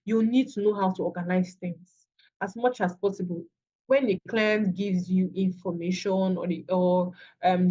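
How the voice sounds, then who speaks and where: Speaking at a medium pitch over lo-fi sound, a woman with a Nigerian accent gives a masterclass lecture as a virtual assistant trainer. Her delivery is conversational, with many restarted phrases.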